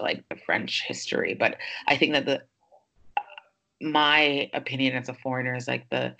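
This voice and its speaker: A woman's voice: extremely low pitch, gravelly, fairly bright tone, dull audio. A woman who grew up in New York hosts a podcast, speaking in a casual, reflective way with many fillers as she thinks aloud. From New York, United States. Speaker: podcast host.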